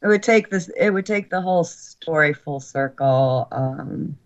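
An older woman speaking as a guest in a radio interview, earnest and grateful, with halting restarts, her voice sounding as if taped off the radio. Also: low-pitched, lively intonation, highs cut off. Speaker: guest author.

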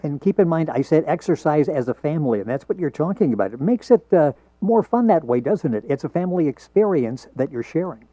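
Radio host guy taped off the air, kinda high for a man, dark and mellow, guiding the chat. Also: animated, brisk, few pauses, no room sound. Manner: friendly, leading the guest through tips. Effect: heard as taped off the radio. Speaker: radio talk show host. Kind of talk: radio interview. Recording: dull, dry radio broadcast recording.

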